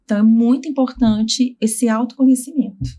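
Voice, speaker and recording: A woman's voice: on the high side, steady tone, fairly quick, warm tone. A woman speech therapist being interviewed, earnestly explaining her work with examples and quoted dialogue.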